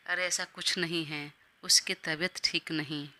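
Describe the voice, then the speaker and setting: A woman voicing a gentle, protective young husband who gives soft but firm instructions, in an audio story. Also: deep voice, steady tone, a little slow, heavily acted. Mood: caring. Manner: tender, bossy in a caring way.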